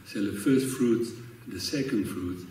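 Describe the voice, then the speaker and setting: A man's voice: lowish voice, takes it slowly, warm tone, a little hiss or hum. A man on an academic round-table panel, speaking hesitantly with many restarts and repeated words. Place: conference hall. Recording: very echoey hall, distant mic.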